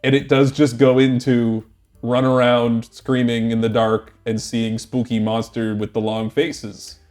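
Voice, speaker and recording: A man co-hosting a casual film-review podcast, blunt and opinionated, laughing often between quick remarks. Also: mid-range voice, little pitch movement, darkish tone, soft background music. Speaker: podcast co-host.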